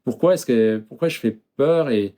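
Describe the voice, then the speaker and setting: A man's voice: medium pitch, moderate pace, mellow. A man from France in his thirties, talking casually as an interview guest, hesitant with many fillers and restarts.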